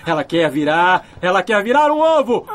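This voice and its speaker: A man dubbing an earnest young groom in a film, guessing quickly and excitedly. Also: sits high. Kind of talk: dubbed film acting.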